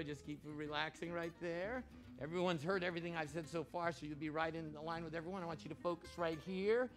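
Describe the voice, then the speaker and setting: A male stage hypnotist with a high-pitched, bright voice speaks in live show patter. He gives instructions and counts in a deliberate, commanding way, repeating his suggestions, with faint music behind him. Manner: shouts excited commands to start the action.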